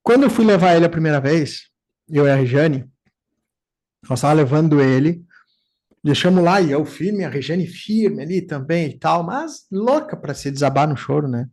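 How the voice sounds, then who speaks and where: A man's voice: a little high, moderate pace. A man in his forties with a gaúcho accent from southern Brazil, telling personal stories in casual talk and acting out quotes. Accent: Gaúcho Portuguese. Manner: storytelling, animated, acts out quotes. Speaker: neuropsychoanalyst.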